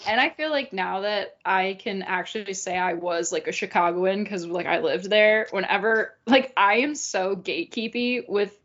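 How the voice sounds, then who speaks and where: A woman's voice: mid-range voice, moderate pace, hardly any pauses, fairly bright tone. Casual rambling woman podcaster from Illinois. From Illinois, USA. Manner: rambling, swears freely, laughs often. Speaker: podcast co-host. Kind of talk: casual chat. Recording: dull lo-fi sound.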